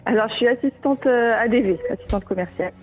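A woman's voice: on the high side, fast talker, highs cut off. A woman, a quiz contestant calling in to a radio show and answering casually, with music behind her.

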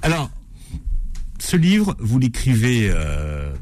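A man's voice: mid-range voice, wildly swooping pitch, slow, darkish tone, a little hiss or hum. A man hosting a book show, interviewing a guest in a conversational way and asking leading questions. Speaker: host, interviewer.

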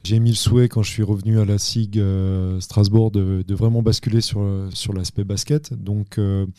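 A man with a low, warm voice answers questions as an assistant basketball coach on a podcast. He speaks carefully and deliberately. The sound is close and dry. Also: level tone, smooth, no room sound.

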